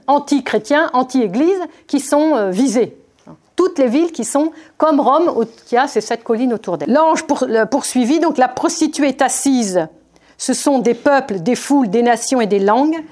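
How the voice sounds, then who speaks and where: A woman giving a Bible study talk, reading verses and explaining them in a spontaneous, halting way with many fillers and restarts. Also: fairly high pitch, darkish tone. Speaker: Bible teacher.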